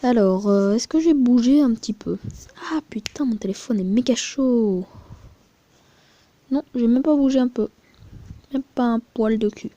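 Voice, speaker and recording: A woman talks through a phone game in a loose, rambling way, crude and chatty, now and then dropping into muttered asides. Her voice is very dark and mellow. The sound is close and dry. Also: on the high side, a little slow, long pauses, dry recording, lo-fi sound. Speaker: mobile game vlogger. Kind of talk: casual screen-recording commentary.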